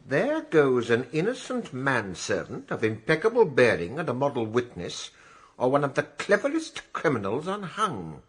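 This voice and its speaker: An actor playing a brisk, authoritative police investigator in a 1920s radio drama, clipped and firm. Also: male voice, mid-range voice, wildly swooping pitch, husky. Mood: grave.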